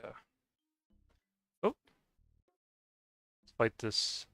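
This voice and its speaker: A young gaming video creator with a slight Scottish-tinged accent draws out his words in a pushed, bright voice, recorded at studio quality with no room sound and faint music behind. He chats casually and hesitantly over gameplay, rambling, often restarting and trailing off.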